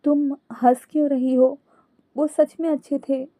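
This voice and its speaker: Woman doing a tearful widow, soft and slow, mellow, dry close sound. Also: sits high, level tone, no room sound, voice pushed up. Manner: tearful, pleading.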